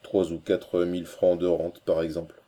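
A man voicing a bold, fearless sea captain who talks in a hearty, lively way in an audiobook reading. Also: low voice, normal speed. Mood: wry.

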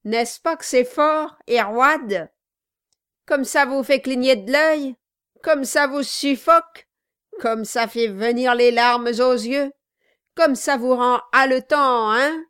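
A woman voicing a boisterous, mocking male dwarf who drinks hard, loud and goading. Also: high voice, fairly even intonation, moderate pace, few pauses, dry recording, studio quality, voice pushed up. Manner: loud, rowdy and goading, with cackling laughter.

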